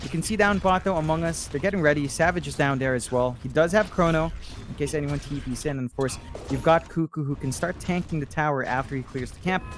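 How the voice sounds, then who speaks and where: Measured man calling an esports match. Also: a little high, faint music behind. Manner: analytical, measured, with fillers and restarts. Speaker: esports commentator. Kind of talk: play-by-play commentary.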